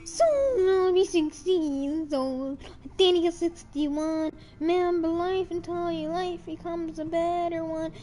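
A woman's voice: extremely high pitch, mellow. A young woman livestreaming, singing along to a song and then chatting with her viewers. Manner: sings along to music, then chats quickly with viewers. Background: music playing.

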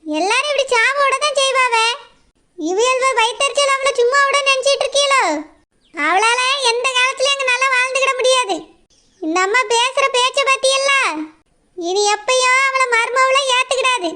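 A woman's voice: very high-pitched, normal speed, sharp tone, slight background noise. A middle-aged woman with a Kanyakumari Tamil accent, playing a village mother who sternly warns and argues back. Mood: indignant. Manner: stern, warning, indignant. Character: proud village mother defending her daughter. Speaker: mother of the runaway girl.

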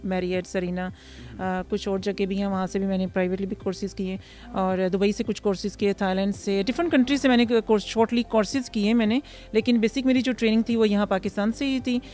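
Pakistani woman in her 30s, restaurant owner, interviewed outside, lots of uh pauses, handheld mic. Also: mid-range voice, fairly even intonation, darkish tone. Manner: hesitant, many fillers, mixes English words. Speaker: restaurant founder. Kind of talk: interview answers. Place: outdoor restaurant terrace. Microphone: handheld mic held by interviewer.

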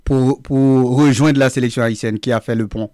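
Halting male interviewer with a smooth voice. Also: medium pitch, steady tone, a little mellow, dry recording, clean studio sound. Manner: halting, repeats words, laughs often. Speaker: interviewer, host. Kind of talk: casual video-call interview.

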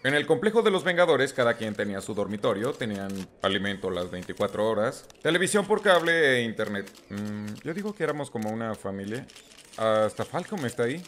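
Man doing a bright, cocky billionaire superhero, Tony Stark. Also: medium pitch, big pitch swings, fairly quick, slight background noise, pitched below the performer's own voice. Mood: smug. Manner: smug, sarcastic. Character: cocky, glib billionaire superhero defending himself at a hearing. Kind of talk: comic film dub parody.

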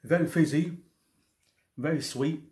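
A man in his thirties giving casual eating commentary in short remarks with pauses, talking as he eats. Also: a little high, warm tone. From United Kingdom. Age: 30s. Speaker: mukbang vlogger. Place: indoors in a home kitchen-diner. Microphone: camera on the table at about arm's length.

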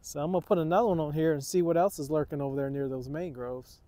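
A fast talker with a fairly high, steady, mellow voice and no room sound, this middle-aged man hosts a fishing vlog from a dock on the water. He chats easily with viewers, addressing them as "guys." He films on a tripod camera, sometimes switching to selfie-held shots.

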